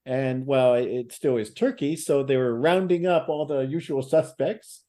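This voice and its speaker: Mellow-voiced man telling news casually. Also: medium pitch, normal speed. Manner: relaxed storytelling, teasing. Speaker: podcast host. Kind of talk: casual podcast chat.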